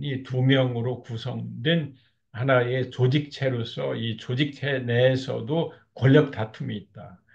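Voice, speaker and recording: Gravelly-voiced man lecturing on marriage. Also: mid-range voice, muffled recording. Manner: steady explanatory tone with frequent fillers like "이렇게". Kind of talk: lecture on couple communication.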